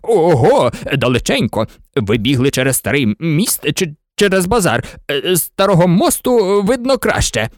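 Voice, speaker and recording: A man's voice: fairly high pitch, very animated, measured pace, no echo, studio quality. A man voicing a timid, nervous king whose voice trembles. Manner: trembling, fretful.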